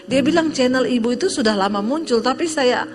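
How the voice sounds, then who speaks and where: A woman's voice: high voice, animated, a little fast, soft background music. A woman pastor from Indonesia preaching a sermon, telling a story and acting out the voices in it, often addressing her listeners directly.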